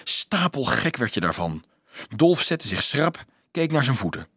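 A male audiobook narrator with a slightly husky, mid-pitched voice reads scripted narration dramatically and expressively, a little slowly. His pitch rises and falls sharply with the story's tension, and the close recording is dry with no room echo.

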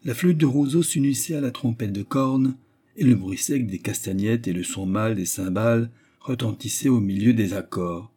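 A man reading a literary story aloud as narrator, with a slow, ornate storytelling cadence. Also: on the low side, dark tone, breathy edge. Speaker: audiobook narrator.

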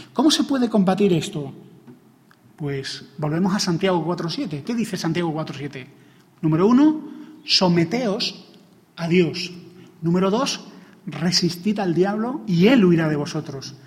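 A male pastor with a Spain Spanish accent preaches with emphatic conviction, often climbing into fervent exclamations. His voice sits high for a man. It carries a long, ringing hall reverb. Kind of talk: sermon.

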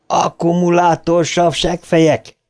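A man voicing a frail asthmatic boy who yells frantically and furiously in high shrieks. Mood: frenzied shouting.

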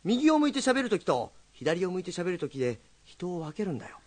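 A gruff young rakugo teller. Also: male voice, sits high, very animated, dry recording. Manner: gruff, rough-tongued and quick to scold. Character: hot-headed young male rakugo teller, blunt. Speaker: rakugo storyteller teaching students. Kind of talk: film drama acting.

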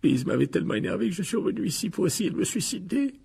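A man with a gravelly voice reading a storybook and voicing a touchy, self-pitying ghost schoolgirl with a tearful, whiny tone. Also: fairly low pitch, big pitch swings, rapid-fire, mellow, voice pushed up, full character voice.

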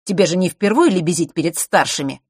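A woman's voice: on the low side, animated, quick pace, breathy edge, no echo, clean studio sound. A woman voicing a gloomy teenage boy who answers curtly. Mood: sullen. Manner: gloomy, curt. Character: sullen brooding teenage boy.

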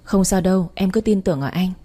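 A calm, confident young boyfriend from a spoken storybook, as a woman reads him. He talks in a gentle, coaxing way. The voice is low and mellow. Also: brisk, natural voice.

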